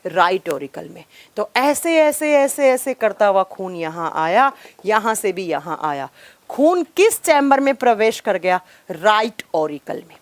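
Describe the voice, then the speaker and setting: Brisk woman biology teacher. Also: a little high, dry recording. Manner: scolding, impatient with student comments; explains with gestures and repeats key terms. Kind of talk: live online class lecture.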